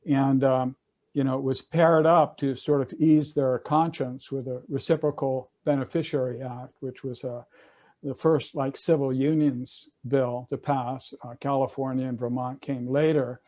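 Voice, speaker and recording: On a video call, an older male attorney and panelist casually recounts legal history, his talk loose and conversational with plenty of fillers and restarts. His voice is medium-pitched and warm, with a steady tone and a measured pace.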